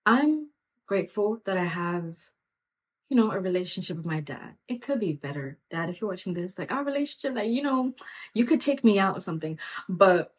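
Woman mentor chatting about faith, kinda low voice, earnest, lots of "like". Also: low-quality recording. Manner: earnest and animated, full of "like" and "come on". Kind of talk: casual faith talk with personal story.

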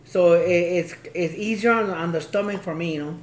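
A man's voice: sits high, moderate pace. An easygoing man chats on a podcast, laughing as he talks things through. The recording sounds roomy and echoey. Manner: easygoing, laughing, explains at length. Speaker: podcast co-host. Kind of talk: casual chat.

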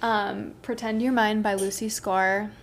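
A woman's voice: mid-range voice, level tone, unhurried, slight background noise. A woman co-hosting a podcast, chatting casually about books with lots of fillers. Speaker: podcast co-host.

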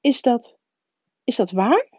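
A woman reading aloud voices a stern older female professor who talks in a high, urgent, faltering way. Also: sing-song, slow pace, warm tone, breathy edge, dry recording, heavily acted. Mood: shaken, tearful. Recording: dull, dry lo-fi recording.

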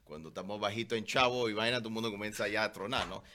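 A man's voice: lowish voice, rapid-fire, sharp tone. A man, rambling through interview answers with many restarts and tag questions. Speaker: filmmaker being interviewed. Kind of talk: casual interview talk.

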